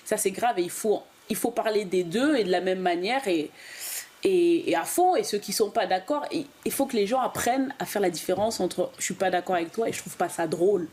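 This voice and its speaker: A woman's voice: mid-range voice, a little fast, a little mellow, a little hiss or hum. A woman, a comedian guest on a talk show, speaking emphatically and repeating words as she presses her points. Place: TV studio.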